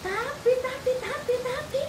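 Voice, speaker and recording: A woman's voice: very high-pitched, normal speed, reverberant, background noise. A woman, a children's church teacher, telling a story to young children in an exclamatory, coaxing way.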